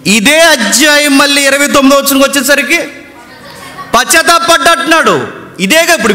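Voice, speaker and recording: A man preaching a sermon in an animated way, asking his listeners questions and answering them himself. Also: high-pitched, in a large hall.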